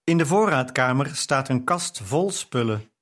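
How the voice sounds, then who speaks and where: A man's voice: medium pitch, lively intonation, a little slow, a bit bright. A man reading a breezy, teasing nobleman. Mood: gentle. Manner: breezy and playful. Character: teasing, easygoing young nobleman. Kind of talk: audiobook reading.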